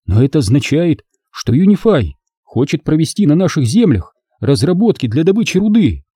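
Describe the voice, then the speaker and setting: A determined, wary young woman as a male narrator puts her on, earnest and pressing, in a raised voice with a dark, husky grain. The storybook reading is dry and close. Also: fairly high pitch, big pitch swings, normal speed, no echo, voice pushed up.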